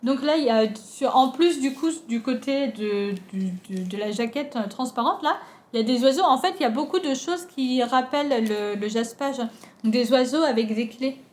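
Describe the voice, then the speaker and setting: Chatty high-voiced French woman. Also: normal speed, darkish tone. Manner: chatty, many fillers and restarts. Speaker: book vlogger. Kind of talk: casual unboxing chat.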